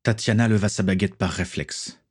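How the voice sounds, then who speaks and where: Male audiobook narrator, low and husky, measured read. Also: steady tone, a little mellow.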